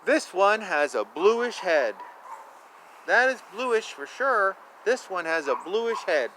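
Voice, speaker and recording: Outdoors, amid clear ambient sound, a man reads a children's picture book in a high, very animated voice. He goes slowly with a sing-song lilt and adds casual asides, though the audio quality is poor.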